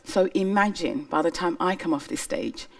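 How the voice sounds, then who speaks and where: A woman's voice: on the low side, lively intonation, normal speed, creaky, recorded from a distance. A woman from Somalia giving an earnest, emphatic personal testimony on stage before an audience. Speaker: speaker on stage.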